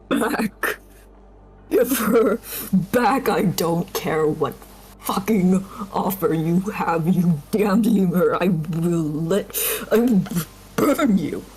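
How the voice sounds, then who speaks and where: A woman playing an enraged, desperate hellfire wielder in a tabletop game, husky and forceful, with halting threats. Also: fairly low pitch, full character voice, low-quality recording. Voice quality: husky, raspy. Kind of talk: tabletop game role-play.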